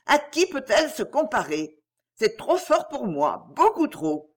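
A woman's voice: fairly high pitch, very animated, a little slow. A woman voicing a vehement, proud lady. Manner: vehement, passionate, declamatory. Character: proud, volatile aristocratic lady in anguish.

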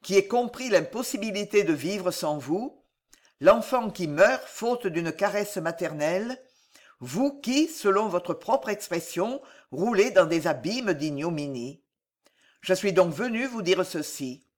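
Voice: medium pitch, expressive, unhurried. A reader voicing a passionate, pleading male monk in a dramatic audiobook, impassioned and insistent.

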